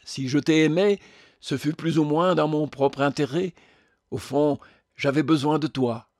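A radiant heavenly lady, as a male narrator reads her, gentle and calmly insistent in a slightly raised voice. The recording is close and dry. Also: fairly high pitch, a little slow, no echo, voice pushed up. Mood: serene. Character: radiant, serene heavenly lady, joyful and firm.

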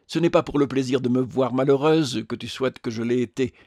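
Man reading a serene heavenly lady, gentle, calmly insistent, dry close sound. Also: medium pitch, brisk, no echo, lightly acted. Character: radiant, serene heavenly lady, joyful and firm.

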